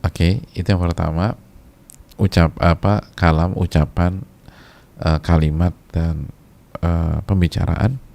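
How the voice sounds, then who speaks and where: A man's voice: sits low, steady tone, slow, vocal fry, long pauses, darkish tone. A male preacher giving a casual religious lecture, talking conversationally, repeating key phrases for emphasis and sometimes chanting short religious verses.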